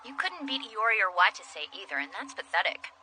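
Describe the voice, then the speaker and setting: An actress playing a blunt, hot-tempered teenage schoolgirl in an anime dub, sarcastic and quick to flare up. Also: medium pitch, sing-song, sharp tone, a little hiss or hum. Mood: grumbling. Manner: brash, sarcastic, easily flares up.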